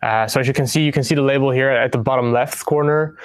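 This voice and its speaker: A man's voice: mid-range voice, fast talker, clear, resonant tone, no room sound. A young man hosting a livestream, presenting product updates with frequent ums, uhs and restarts. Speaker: host of a partner news livestream.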